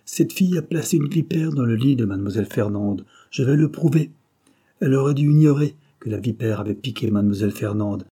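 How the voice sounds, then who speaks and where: A man's voice: medium pitch, normal speed, dark tone, slightly rough. A man voicing Armand, a stern commanding young man. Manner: firm, accusing.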